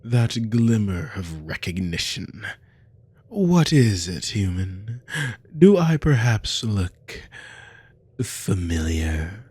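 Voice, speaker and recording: A man playing a cruel, haughty naga army commander in an ASMR role-play, slow and domineering, with a gravelly, breathy voice. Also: lowish voice, big pitch swings, dark tone, no room sound, full character voice. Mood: taunting, sly. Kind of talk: scripted ASMR role-play monologue to a captive listener.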